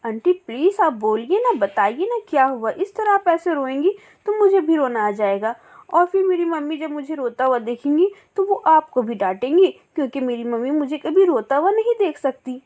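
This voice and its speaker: A woman's voice: high-pitched, big pitch swings, moderate pace, darkish tone. A woman voicing a young orphaned bird girl, sweet and innocent, with a childlike pleading voice, in a storybook.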